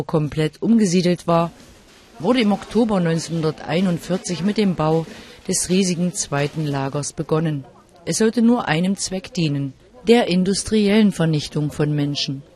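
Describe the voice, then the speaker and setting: A man narrates a documentary report in a measured, solemn read. His voice sits slightly high for a man. The delivery is clean and scripted. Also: darkish tone.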